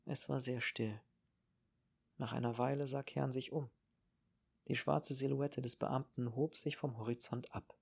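A man reading an audiobook in a calm, measured narration. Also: mid-range voice, creaky, husky. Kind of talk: scripted narration.

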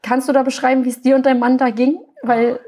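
A woman with a fairly high voice hosts a podcast interview. She listens attentively, backs her guest with short affirmations, and asks open questions. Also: little pitch movement, fast, dark tone. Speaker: podcast host. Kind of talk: interview host.

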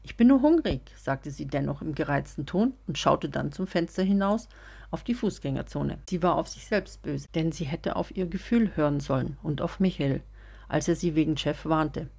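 A woman reading a story aloud as narrator, in a steady, measured way. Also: low-pitched, creaky, slightly rough. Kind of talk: audiobook reading.

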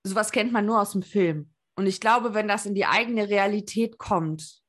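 A woman's voice: medium pitch, moderate pace, fairly bright tone. A woman hosting a true crime podcast, interviewing a guest politely and earnestly.

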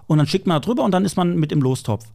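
A man's voice: on the high side, lively intonation, rapid-fire, vocal fry, mellow. A man co-hosting a podcast in casual chat, teasing and joking. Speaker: podcast co-host.

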